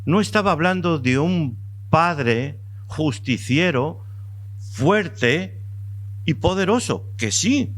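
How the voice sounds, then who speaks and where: A man with a Spanish accent preaching a sermon, explaining slowly, repeating key words and asking the congregation rhetorical questions. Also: on the high side, lively intonation, fairly bright tone, a little hiss or hum. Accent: Spanish from Spain.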